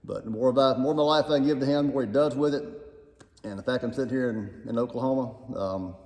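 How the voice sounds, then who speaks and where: A man with a Southern US accent chatting casually about faith as a guest, talking fast and self-deprecatingly, his voice echoing inside a barn. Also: mid-range voice, a little mellow. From Alabama, US South. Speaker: guest speaker.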